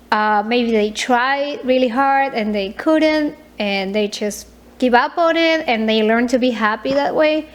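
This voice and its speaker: A woman in her thirties speaking to camera in a confessional vlog. Her voice sits a little high, and she talks softly and haltingly, stopping often to restart her sentences. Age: 30s. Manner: soft, hesitant, with frequent fillers and repeats. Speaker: vlogger.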